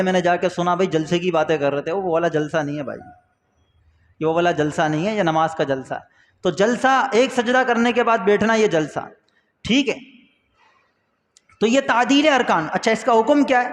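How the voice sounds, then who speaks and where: High-voiced Urdu teacher in an echoing hall. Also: male voice, lively intonation. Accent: Pakistani Urdu. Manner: explains by asking and answering his own questions; acts out short dialogues with a questioner. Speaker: Islamic teacher. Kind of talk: religious lesson. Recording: echoey hall with long reverb.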